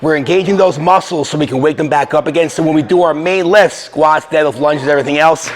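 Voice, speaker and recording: A man talking through a casual exercise tutorial as a fitness coach, energetic and conversational, a bit out of breath. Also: fairly high pitch, a little fast, slight background noise. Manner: energetic, conversational, with filler restarts.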